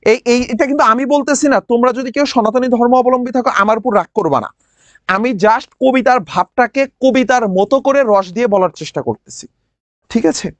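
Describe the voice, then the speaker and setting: A male teacher explains a poem line by line for exam students. He talks in a lively, dramatic way and keeps asking questions. The recording is dry and close, with no room sound. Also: extremely high pitch, normal speed, dry recording. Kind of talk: exam-prep poetry lesson.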